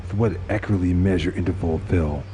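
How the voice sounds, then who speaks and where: Narrating a dark tale in a dramatic, scripted style, a man with a deep, low voice reads at a fast pace. Clear ambient noise sits behind him.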